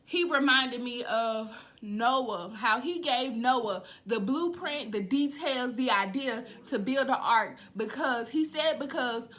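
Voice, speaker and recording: High, bright-voiced woman preaching. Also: lively intonation, slow pace, hardly any pauses. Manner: rising, emphatic preaching with repeated refrains. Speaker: prophetic speaker. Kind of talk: preaching a prophetic word.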